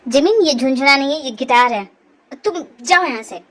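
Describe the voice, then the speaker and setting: A woman's voice: high-pitched, lively intonation, moderate pace, fairly bright tone, voice pushed down. A young woman voicing a rude young man who snaps and orders others away. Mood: irritated. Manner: snappish, dismissive. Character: rude, curt young man, sister's brother-in-law.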